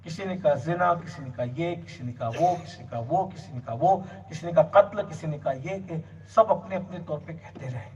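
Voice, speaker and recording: With hardly any pauses, a man with a fairly high, darkish voice and a breathy edge delivers a religious sermon built on long, repeated lists. He sounds far from the mic, in a dull, lo-fi recording.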